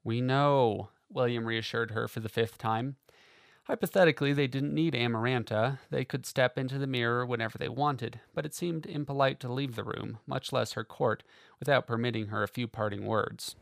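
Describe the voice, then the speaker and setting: A man reading a fantasy novel aloud in a steady, measured way. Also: mid-range voice, creaky, no echo, studio quality. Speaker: audiobook narrator. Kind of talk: scripted fantasy novel narration.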